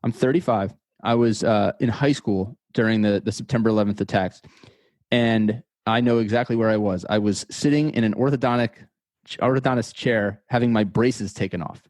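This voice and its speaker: A man's voice: on the low side, steady tone, normal speed, darkish tone, no echo. A man in his thirties from the United States, a podcast guest talking in a casual interview, thoughtful and often repeating words as he thinks. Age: 30s.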